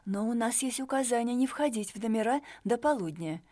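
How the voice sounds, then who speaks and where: A woman's voice: on the high side, lively intonation, a little fast, warm tone, voice pushed up. Woman reading as a polite, nervous hotel maid. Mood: apologetic.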